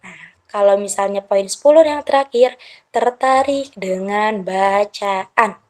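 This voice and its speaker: A woman's voice: medium pitch, takes it slowly, darkish tone. A woman teacher, methodically walking parents through a numbered checklist in a lecture.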